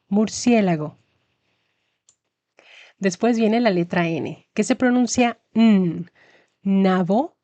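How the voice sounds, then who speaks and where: A Spanish teacher reads a scripted lesson at an unhurried pace. She sounds out each example word with care. Her voice is recorded close and dry, with no room sound. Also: medium pitch, a little mellow, no echo. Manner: slow, careful enunciation of example words.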